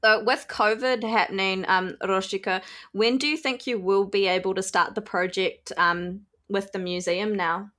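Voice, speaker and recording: A woman's voice: medium pitch, steady tone, normal speed, pushed and bright. A woman asking questions as an interviewer.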